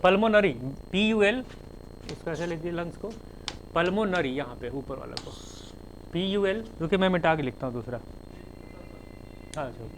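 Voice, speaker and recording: Male lecturer, slightly high voice, methodical classroom delivery, spells terms out, faint room noise. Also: moderate pace, low-quality recording. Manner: spells terms letter by letter, explains with everyday examples. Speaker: teacher.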